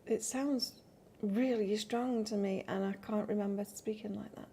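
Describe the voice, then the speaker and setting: A woman from northern England, her accent a blend of northern English and Australian, gives a casual tarot reading on a live stream, rambling chattily and talking with viewers between cards. Her mid-range voice is gravelly and warm, with a steady tone and normal pace. There's a slight hiss or hum in the audio.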